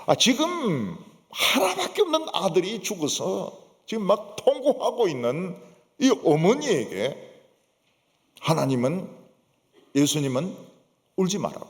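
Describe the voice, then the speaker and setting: A man's voice: high voice, very animated, unhurried, long pauses. A male pastor with a Gyeongsang accent preaching in a church, emphatic and full of rhetorical questions and affirming asides. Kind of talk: sermon. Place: church sanctuary. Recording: long church reverb.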